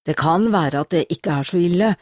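A woman narrator voicing a rough rural man who mumbles in a helpless, unsure way. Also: on the low side, a little mellow, no echo, clean studio sound, lightly acted.

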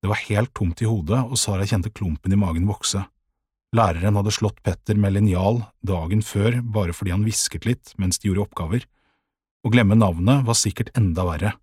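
Man, audiobook narrator, husky, dry close sound, measured. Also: on the low side, no echo. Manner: calm, measured storytelling.

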